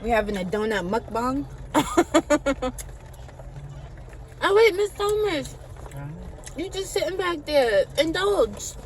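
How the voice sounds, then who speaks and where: A woman's voice: sits high, very animated, takes it slowly, long pauses, a little hiss or hum. A woman co-hosting a casual vlog, playful and teasing, who laughs often. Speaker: co-host. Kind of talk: casual chat.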